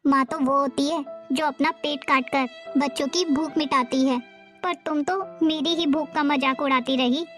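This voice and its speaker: A woman voicing an elderly mother-in-law who speaks in slow, wounded reproach. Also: high-pitched, fairly even intonation, soft background music, close to an everyday voice. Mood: hurt.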